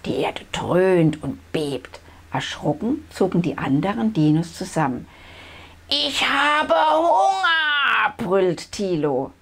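A woman's voice: low-pitched, animated, unhurried, slightly rough. Woman reading a picture book aloud. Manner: warm, chatty asides to young listeners. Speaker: children's book reader.

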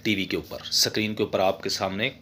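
A man's voice: fairly low pitch, little pitch movement, brisk, bright, forceful tone, slight background noise. A man hosting a casual how-to tutorial for his TV repair channel, chatty and often ending lines with "okay". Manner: voice-over with no face on screen.

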